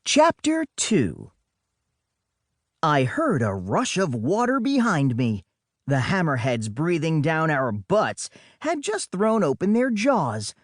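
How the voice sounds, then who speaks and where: Narrating a children's adventure for an audiobook, a man uses a swooping, very animated voice, fairly high for a man, and moves slowly. He's dramatic, adding wry conversational asides as though a boy were telling his own tale. The sound is close, dry, and echo-free.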